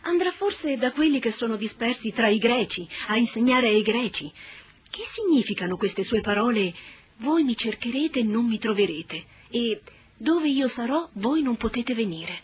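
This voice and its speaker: A woman's voice: a little high, lively intonation, normal speed, slightly rough. A woman voicing a member of the crowd in a dramatized Bible reading, asking questions in a wondering tone. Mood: questioning.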